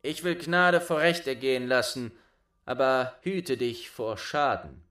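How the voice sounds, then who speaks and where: A man's voice: mid-range voice, unhurried, a bit bright, voice pushed up, close to an everyday voice. A man voicing a bold, boastful young male turner in a fairy tale reading, with a raised, ringing delivery. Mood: stern.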